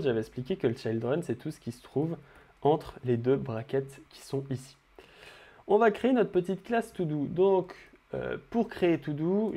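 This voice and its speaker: A man's voice: fairly high pitch, mellow. A young man walking viewers through building an interface in a casual screen-recorded coding tutorial, talking straight to the viewer with frequent fillers.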